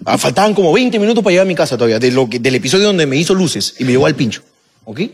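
A young man telling a story in casual chat, profane and animated, acting out scenes. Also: on the high side, rapid-fire, breathy edge. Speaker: podcast co-host telling a story.

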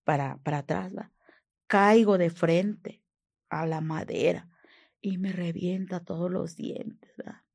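A woman with a northern Mexican accent giving personal testimony, halting and often sinking to a whisper. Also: fairly low pitch, steady tone, creaky, husky. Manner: hushed, often dropping to a whisper, frequent tag questions; halting, with repeated restarts.

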